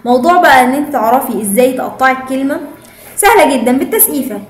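Woman, Egyptian Arabic accent, high voice, encouraging pronunciation teacher, echoey room, faint background hum. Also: lively intonation, racing. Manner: encouraging, praises often, switches between Arabic and English. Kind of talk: online language lesson.

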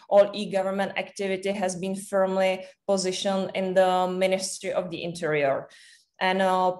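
A young adult woman from the Czech Republic with a Czech accent, giving a webinar presentation on a video call and pausing often with fillers. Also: on the low side, a little mellow. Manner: hesitant, many "uh" fillers. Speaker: think tank director presenting. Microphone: webcam on a video call.

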